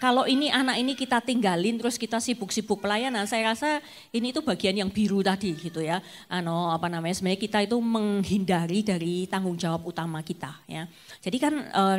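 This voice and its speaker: Chatty middle-aged woman giving testimony. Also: medium pitch. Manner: conversational, heavy with fillers and tag phrases. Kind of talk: personal testimony in a casual talk.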